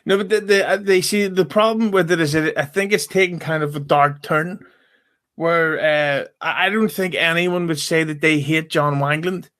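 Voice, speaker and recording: A man's voice: a little high, steady tone, moderate pace, fairly bright tone. A man in casual podcast chat, earnest and profane, with hesitant starts.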